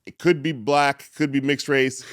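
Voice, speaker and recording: A man hosts a relaxed interview, chatty and quick to joke. His voice sits at a middle pitch, recorded close and dry with no room sound. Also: clear, resonant tone, no echo. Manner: chatty, joking, quick back-and-forth. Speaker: podcast host. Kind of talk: casual interview conversation.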